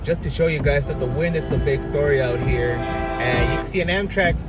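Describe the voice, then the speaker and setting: A man's voice: medium pitch, brisk, loud music behind the voice. A man narrating a casual storm-chasing vlog, reporting on what he sees around him as he goes. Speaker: storm chaser and vlogger. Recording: loud wind and road noise. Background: wind and vehicle noise.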